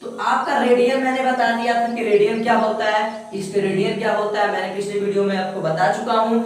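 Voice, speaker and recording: A male teacher giving a science lesson, repeating key terms and asking himself questions before answering them. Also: very high voice. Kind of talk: classroom-style science lecture. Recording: very echoey room, mic far away.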